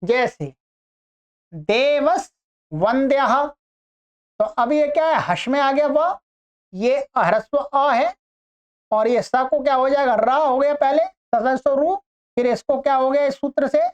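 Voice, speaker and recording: A woman teaching Sanskrit grammar online, explaining patiently step by step and drawing out example words slowly. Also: high-pitched, darkish tone. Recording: dull lo-fi recording.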